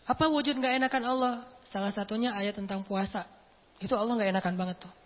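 A woman's voice: medium pitch, fast. A woman preacher giving a casual, humorous religious lecture, telling stories and acting out what people say. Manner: humorous, storytelling, acts out quoted speech. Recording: echoey hall, dull lo-fi sound.

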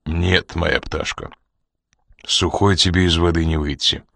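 Guy doing a cold menacing man, low and slow, gravelly and quiet. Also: expressive, no room sound, clean studio sound, exaggerated voice.

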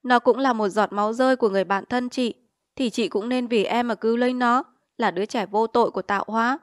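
Storybook heroine, young woman in tears, begging softly, read by a woman narrator. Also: a little high, fairly even intonation, quick pace, no echo, clean studio sound, natural voice. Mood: tearful pleading. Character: grieving young woman, tearful and pleading.

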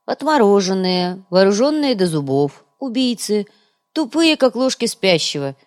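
A woman's voice: mid-range voice, very animated, measured pace. A woman voicing a sly, greedy male trader who talks in an ingratiating, chatty way for an audiobook.

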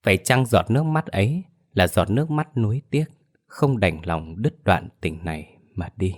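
A man narrating a ghost story in a solemn, mournful storytelling manner. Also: sits low.

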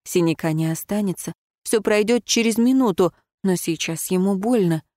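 A woman reading first-person fiction aloud in an expressive, emotional way. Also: mid-range voice, moderate pace, no echo, clean studio sound. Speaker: audiobook narrator.

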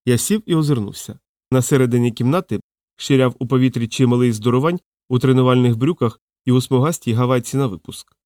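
A man reading an audiobook aloud in a wry, lively storytelling manner, close to the mic. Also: medium pitch, quick pace, dry recording. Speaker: audiobook narrator.

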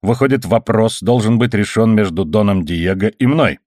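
A man's voice: on the low side, normal speed, a little mellow, no echo, clean studio sound, natural voice. A man reading the part of an arrogant army captain who courts a young lady in a smug, ingratiating, mocking way. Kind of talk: audiobook character reading.

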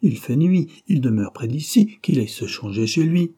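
A man voicing a shrill, indignant middle-aged wife in a read-aloud novel. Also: animated, moderate pace, dark tone, slightly rough. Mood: shrill scolding.

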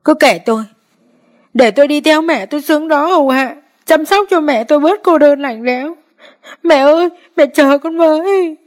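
A woman's voice: high voice, normal speed, pitched above the performer's own voice, natural voice. A woman voicing a grieving eldest daughter-in-law who wails and sobs in lament, in a spoken story. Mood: wailing. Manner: sobbing lament.

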